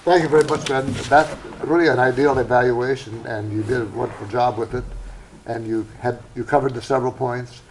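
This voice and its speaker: A man's voice: mid-range voice, fairly even intonation, brisk. A man hosting a speaking club show and telling a joke in a folksy storytelling way. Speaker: host. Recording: faint background noise.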